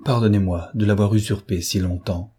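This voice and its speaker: A man's voice: on the low side, fairly even intonation, moderate pace, warm tone, breathy edge. A man reading an audiobook and voicing a young, impulsive woman who speaks earnestly and shyly. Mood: remorseful. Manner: confessing earnestly, then shy and tender. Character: impulsive young woman, tearful then happy.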